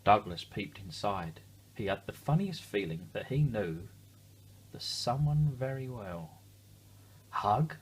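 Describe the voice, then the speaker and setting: Very animated yet a little slow, a man with a lowish voice reads a picture book to children, and there's a little hiss or hum. He performs it expressively, throwing in simple chatty remarks and questions for the young audience.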